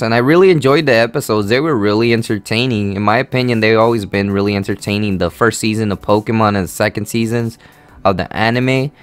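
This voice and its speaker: A man's voice: fairly low pitch, smooth, no echo. An eighteen-year-old man from Honduras hosting a casual Q&A vlog, rambling with lots of fillers and an easygoing manner. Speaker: gaming channel host.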